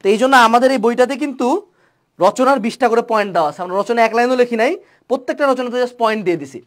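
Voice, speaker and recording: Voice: mid-range voice, very fast. A young online tutor giving a playful webinar lecture. The tutor asks many rhetorical questions and mixes English words into the talk.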